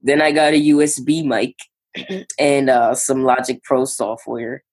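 Speaking as a guest in a relaxed interview, a young New York musician recounts his beginnings in music in a loose, stop-and-start way, saying "like" a lot while he gathers his thoughts. His middle-pitched voice holds a level tone and is slightly rough.

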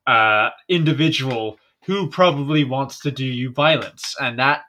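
A man's voice: mid-range voice, unhurried, bright, forceful tone. A man co-hosting a podcast in casual chat, joking and swearing with plenty of laughter. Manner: jokey, swears, laughs a lot. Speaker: podcast co-host.

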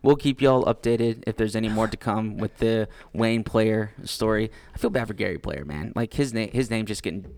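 Gravelly low-voiced man wisecracking. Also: normal speed, hardly any pauses, darkish tone, no room sound. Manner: dry wisecracking reactions. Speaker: podcast co-host. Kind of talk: casual podcast chat.

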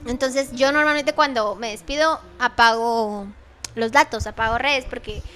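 A woman's voice: on the high side, moderate pace, a bit bright. A young woman, hosting a casual podcast chat, telling stories, laughing often and acting out quoted dialogue. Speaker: podcast host.

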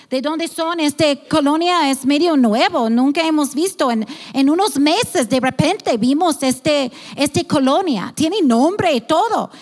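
High-voiced woman in a reverberant hall. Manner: searches for words, repeats and restarts often; passionate and heartfelt. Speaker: ministry leader of a children's home. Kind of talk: earnest testimony about a church ministry.

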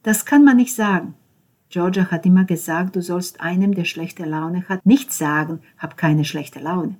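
A loud, cocky young man who taunts and pushes without any let-up, his voice raised and rough at the edges, as a woman reads him in an audiobook. Brash and provocative from start to finish. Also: on the low side, unhurried. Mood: earnest.

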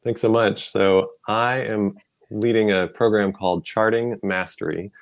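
A man speaks as an interview guest, a physician who coaches colleagues. His voice is on the low side, and his delivery is relaxed and measured, with occasional fillers. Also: gravelly. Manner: relaxed and measured, explains steadily with some fillers. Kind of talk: casual interview conversation.

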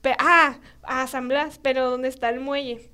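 A young woman with a Mexican Spanish accent speaks high, at a measured pace, with a clear, resonant tone. As a podcast guest in casual chat, she narrates stories animatedly, acts out voices, and uses many fillers.

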